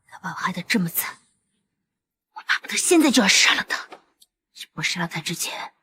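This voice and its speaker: A vengeful young woman of a costume drama, plotting coldly in a high voice that swings widely. She speaks like a conspirator, often slipping into whispers, over faint noise. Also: very animated, moderate pace.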